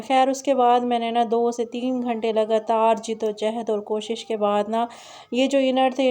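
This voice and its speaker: Brief: young woman, home vlogger, rambling chatty voice-over, fairly high and quite level in pitch. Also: dark tone. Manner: chatty, rambling, many "na" fillers and restarts. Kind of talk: casual voice-over narration of a home vlog.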